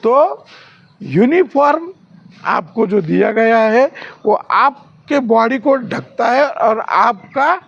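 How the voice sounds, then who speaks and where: A man's voice: extremely high pitch, animated, slow, vocal fry, muffled recording. A man training security guards in class, quizzing the trainees with questions and showing rude and polite ways to talk.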